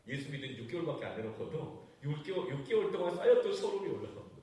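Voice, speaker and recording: A man preaching a sermon as pastor, telling a personal story with sudden swings between loud outbursts and hushed asides. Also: fairly high pitch, big pitch swings, racing. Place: church sanctuary. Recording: echoey church hall, voice from far off.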